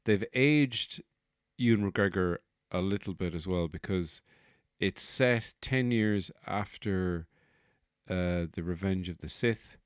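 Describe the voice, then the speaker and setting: A man's voice: deep voice, slow, dry recording, clean studio sound. A man hosting a solo comedy podcast, rambling through jokey, profane tangents. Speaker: podcast host.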